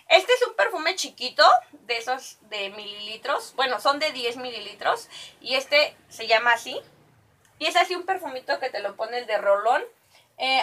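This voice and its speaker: High, bright-voiced Mexican woman vlogger. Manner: chatty, rambling, addresses viewers as girls. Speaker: beauty vlogger. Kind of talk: casual shopping haul vlog.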